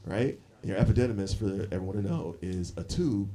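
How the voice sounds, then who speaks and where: A man in his forties telling stories in a live stand-up set, animated and laughing often between lines. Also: lowish voice, fairly quick. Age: 40s. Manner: animated storytelling, frequent laughs and fillers. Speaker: stand-up comedian. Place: comedy club stage with audience. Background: audience laughter.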